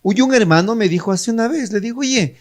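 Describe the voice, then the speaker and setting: A man's voice: high-pitched, fast, darkish tone. A man preaching a sermon to a charismatic prayer group, emphatic, repeating phrases and acting out quoted dialogues.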